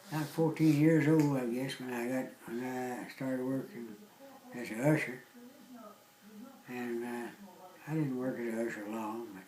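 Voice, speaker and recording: An older man from southwest Virginia with an Appalachian accent, casually recounting memories in a folksy, halting way. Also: mid-range voice, darkish tone, reverberant, low-quality recording. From southwest Virginia, United States. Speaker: interviewee recounting local memories. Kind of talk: casual oral-history reminiscing.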